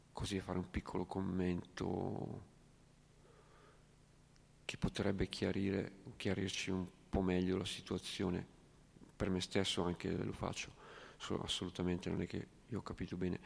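Low gravelly man reading aloud. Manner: quiet, reflective commenting. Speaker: reader and commentator. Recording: echoey hall reverb.

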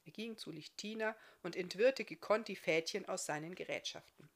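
A woman, an author, reading her own fairy tale aloud in a calm, even storytelling manner. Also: fairly low pitch, moderate pace.

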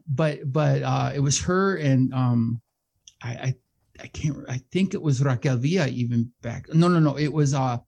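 A middle-aged man who hosts a radio show, talking as a guest in a casual interview, animated and self-deprecating, laughing often. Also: medium pitch, creaky, slightly rough. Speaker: radio show host and behavioral health manager, guest.

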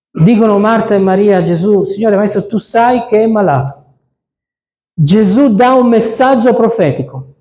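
A man preaching a sermon, first reading scripture slowly and solemnly, then preaching with rising emphasis. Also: sits high, mellow. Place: church hall. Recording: echoey church hall.

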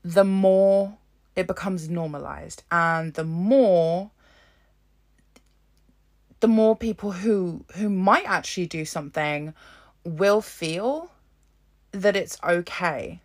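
A woman's voice: fairly low pitch, slow, long pauses. A woman hosting a casual solo podcast, talking frankly and swearing a lot as she rambles. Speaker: podcast host.

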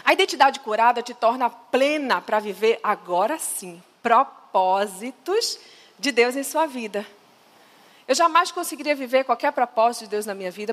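A woman preaching to women in a lively, emphatic way, often asking the audience questions. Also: sits high, long reverb tail. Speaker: speaker at a women's faith conference.

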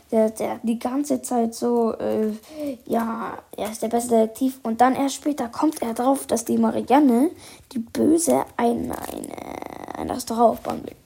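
A woman's voice: a little high, vocal fry, mellow. A woman reading a children's book aloud and commenting on it in a chatty, hesitant way. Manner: hesitant, many fillers, amused asides.

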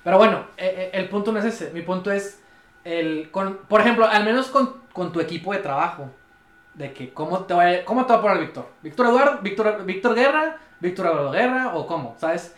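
Man, high voice, rambling podcast co-host, echoey room. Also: fairly quick. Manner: animated, rambling with frequent restarts. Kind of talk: casual chat.

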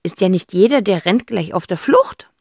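A woman's voice: medium pitch, animated, moderate pace, vocal fry, darkish tone, breathy edge, no echo, clean studio sound. A woman voicing a clever, eager boy detective in a children's audiobook. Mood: reasoning.

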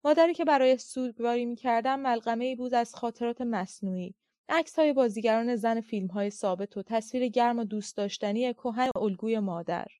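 A woman reading a literary novel aloud as an audiobook narrator, with a measured, reflective delivery. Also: a little high, warm tone, dry recording, studio quality.

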